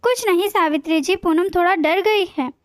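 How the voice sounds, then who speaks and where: A woman's voice: very high voice, normal speed, dry recording, studio quality. A woman voicing a scheming middle-aged mother of a bride who talks in a sly, soothing way.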